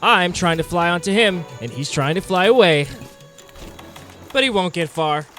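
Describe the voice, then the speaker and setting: With music in the background, a man narrates a video game hunt as a dramatic roleplayed story, adding playful, wry asides like a scripted storyteller. His voice sits high and a bit bright, expressive, at normal speed.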